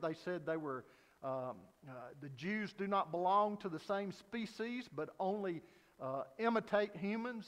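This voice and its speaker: A man's voice: sits high, a bit bright, in a large hall. A man preaching an evening sermon at a pulpit microphone, telling a story earnestly with frequent hesitant fillers. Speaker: pastor.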